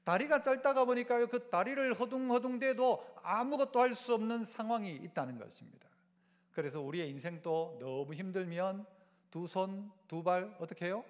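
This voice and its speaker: A man's voice: high voice, normal speed. A male pastor with a Gyeongsang Korean accent preaching a sermon, asking the congregation questions and having them repeat after him. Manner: call-and-response preaching, asks the congregation to repeat. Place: church sanctuary. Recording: long church hall reverb.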